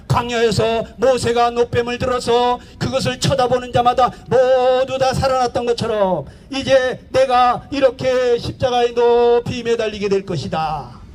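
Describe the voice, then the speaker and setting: Man, pastor, very high voice, emphatic street sermon, rhetorical questions. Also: a little hiss or hum. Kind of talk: outdoor evangelistic sermon. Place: outdoor public park.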